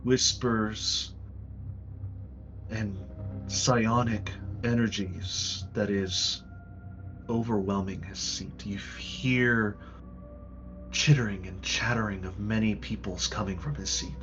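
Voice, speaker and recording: A man narrating a fantasy tabletop game as game master, measured and portentous, with dramatic pauses. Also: lowish voice, fairly even intonation, a bit bright, highs cut off, faint music behind.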